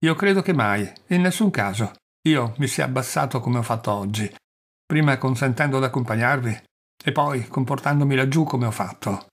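A man reading a haughty gentleman in an audiobook, speaking with cold disdain. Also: mid-range voice, moderate pace, natural voice. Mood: earnest.

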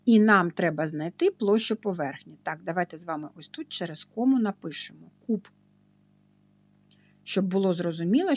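Woman math teacher, patient and methodical, lively intonation, dull lo-fi sound. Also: fairly low pitch, husky. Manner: slow, patient, step-by-step explaining. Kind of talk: video math lesson.

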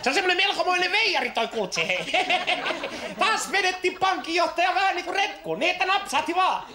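High voice, Helsinki slang, giggly stammering middle-aged man, TV sketch, echoey studio. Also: very animated, background noise. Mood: cheeky. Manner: giggly, stammering, keeps tacking on "hei". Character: brash slangy 40-year-old man hunting his father. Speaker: comedy sketch character. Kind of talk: 1980s TV sketch comedy.

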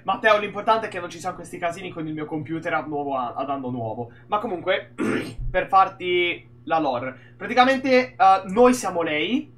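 A man's voice: sits high, normal speed. A man from Italy streaming an indie game, rambling and swearing casually as he talks through it. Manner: animated, rambling, swears a lot. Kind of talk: casual gameplay commentary.

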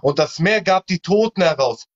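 A man with a high voice admonishes in a heated live-stream debate, repeating fire-and-brimstone warnings again and again. The audio is muffled and lo-fi, like a live-stream capture. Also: animated, moderate pace. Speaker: online evangelist.

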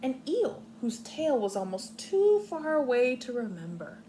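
Her pitch sits high and she's very animated, though a bit slow, as this young American woman reads to small children from a living room couch. She teaches like a kindergarten teacher, keeping the wording simple and the explanations clear. The home recording is clearly noisy.

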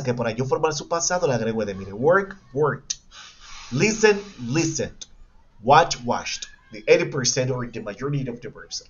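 A male English teacher giving an online class, moving between Spanish and English and repeating each example slowly. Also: medium pitch, fairly bright tone. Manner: quizzes himself aloud with pupils' questions. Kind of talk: online class explaining grammar. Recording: dull lo-fi sound.

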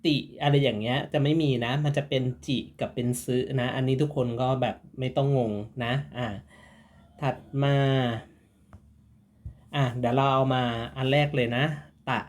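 Guy teaching japanese online, chill and friendly, repeats each sound slow, mid pitch. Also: steady tone. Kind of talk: casual online language lesson.

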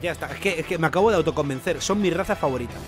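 A young man with a Spain Spanish accent giving excited, jokey, swear-filled reaction commentary on a manga chapter. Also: a little high, racing, over music.

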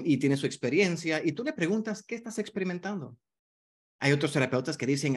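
Man teaching, keeps checking "ok?". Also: medium pitch. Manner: conversational, checks in with frequent "ok?". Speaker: hypnotherapy instructor. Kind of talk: online masterclass lecture.

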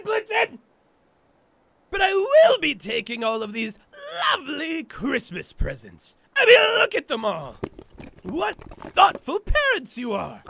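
A gleefully cruel clown villain, pitched extremely high and swinging wildly. He taunts theatrically in a gravelly creak, like a showman in a radio play. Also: sharp tone, slight background noise, full character voice. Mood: manic. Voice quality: shrill, gravelly. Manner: theatrical, sing-song taunting, drawn-out. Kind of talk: fan radio drama acting.

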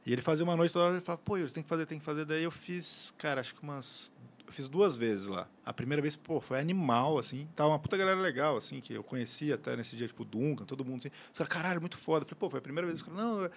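Man, casual podcast chat, quick easygoing anecdotes. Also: on the high side. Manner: laid-back, slangy anecdotes. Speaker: podcast guest.

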